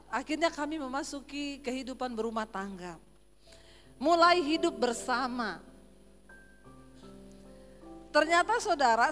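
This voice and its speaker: A woman pastor from Sulawesi with a Sulawesi accent, preaching a sermon with humorous, animated storytelling. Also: fairly high pitch. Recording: echoey church hall with faint music.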